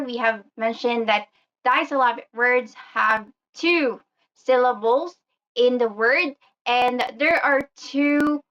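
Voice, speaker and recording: A woman giving a slow, explanatory English pronunciation lesson, often pausing with "um" and "uh". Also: on the high side, fairly bright tone, lo-fi sound. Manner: frequent "um" and "uh" fillers.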